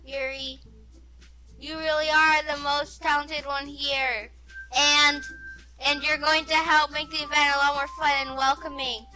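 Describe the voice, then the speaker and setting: A bossy teen girl with a high, bright voice who hands out blunt, grudging encouragement, as a woman reads her lines. She sounds like a visual-novel character being read aloud among friends, over faint game music. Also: flat delivery, unhurried.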